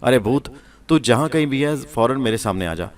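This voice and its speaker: A man voicing a wild long-haired male jogi exorcist who shouts threats and chants. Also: mid-range voice, lively intonation, lightly acted. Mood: blustering threats.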